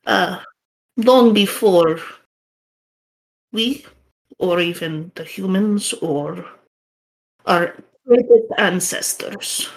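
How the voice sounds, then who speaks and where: A woman's voice: medium pitch, low-quality recording. A woman doing a solemn old shaman with a Russian accent. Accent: put-on Russian accent. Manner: slow, grave storytelling with hesitant fillers. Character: old male fox-folk shaman, solemn.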